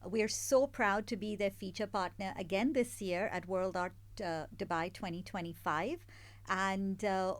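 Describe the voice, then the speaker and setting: An upbeat woman hosts a podcast with casual, chatty warmth. She laughs easily with her guests. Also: mid-range voice. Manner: warm, upbeat, laughs often. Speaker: podcast host. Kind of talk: casual interview chat.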